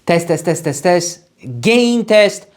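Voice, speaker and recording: Unhurried gear vlogger doing mic checks, loudness swinging with uneven auto gain. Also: medium pitch, sing-song, a little hiss or hum. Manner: repeats test phrases, sometimes half-shouting. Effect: uneven auto gain, loudness jumping up and down. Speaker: vlogger testing a wireless mic. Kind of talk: casual unboxing and gear test.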